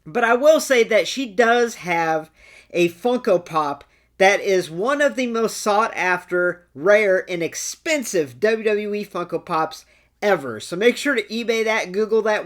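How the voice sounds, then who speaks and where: Chatty toy-ranking video host, medium pitch. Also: expressive, moderate pace, fairly bright tone. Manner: chatty, opinionated. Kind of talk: casual ranking video commentary.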